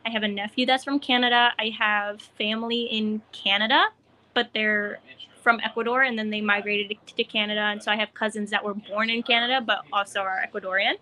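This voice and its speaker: A woman's voice: medium pitch, fairly even intonation, fairly quick, bright, forceful tone. A young woman being interviewed as a guest, giggly and rambling, with lots of fillers. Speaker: guest, racer. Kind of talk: casual interview.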